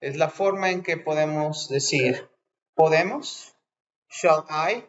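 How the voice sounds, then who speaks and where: A man's voice: on the high side, slow pace, a bit bright. Bilingual man teaching English grammar. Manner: explains patiently, switches between Spanish and English examples. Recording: dull lo-fi recording.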